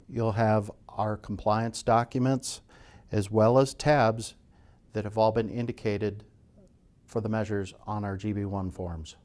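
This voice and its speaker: Low-voiced man narrating inspection steps. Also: darkish tone. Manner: procedural, step-by-step delivery. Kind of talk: instructional video narration.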